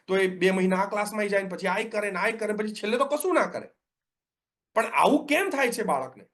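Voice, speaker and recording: A middle-aged man coaching parents in a webinar. His voice sits high, and he talks in an animated way. He swings into the voices of children and parents as he explains.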